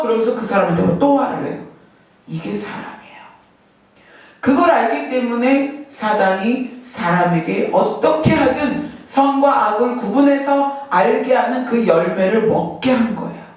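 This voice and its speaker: Middle-aged woman preacher, animated sermon full of questions, recorded from a distance in a very echoey church. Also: a little high. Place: church sanctuary. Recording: echoey hall, mic from far off.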